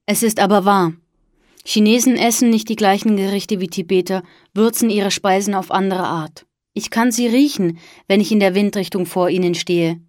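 A woman reading the lines of an earnest, gentle young man in an audiobook, speaking softly and sincerely. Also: medium pitch, normal speed, no echo, clean studio sound, lightly acted. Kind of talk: audiobook dialogue.

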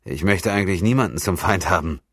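A courteous, puzzled grown man speaks in a low, measured voice, as a male audiobook reader voices him. He keeps his tone polite. The sound is dry and close, as in a storybook recording. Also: a bit bright, husky, dry recording, full character voice.

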